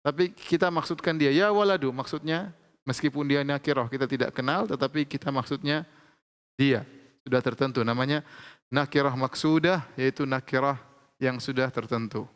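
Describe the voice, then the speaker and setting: A man's voice: mid-range voice, fairly even intonation, a bit bright, clean tone. Man teaching in an echoing hall. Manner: explains slowly, repeats examples, frequent "ya" checks. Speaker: Arabic grammar teacher. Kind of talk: classroom lecture. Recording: long hall reverb.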